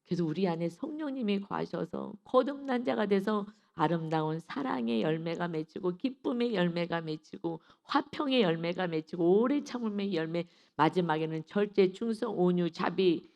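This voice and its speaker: Gravelly-voiced woman preaching emphatically. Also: medium pitch, darkish tone. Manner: emphatic, preaching with rhetorical questions; acts out quoted speech of everyday people. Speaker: pastor. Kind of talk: early-morning sermon.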